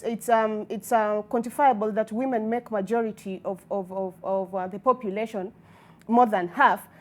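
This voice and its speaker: A Kenyan woman debates on a television talk show in a fairly high voice. She argues emphatically and favours formal, wordy phrasing as she presses her opinion.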